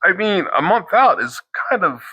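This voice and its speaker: A man's voice: high-pitched, very animated, sharp tone, slightly rough, no echo, rough recording. A middle-aged man reading an online post aloud in casual chat, stopping often to restart and dropping swear words into his asides. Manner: halting, restarts mid-sentence, swears in asides. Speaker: co-host reacting to online posts.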